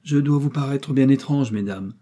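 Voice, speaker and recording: A man voicing a tearful, agitated gentleman who pleads haltingly in an audiobook. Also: medium pitch, pitched above the performer's own voice, natural voice. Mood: pleading, emotional.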